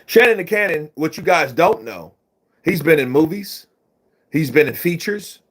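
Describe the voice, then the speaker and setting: A man's voice: a little high, lively intonation, moderate pace. A man hosting a boxing livestream, chatting casually, reading out and thanking viewers by name.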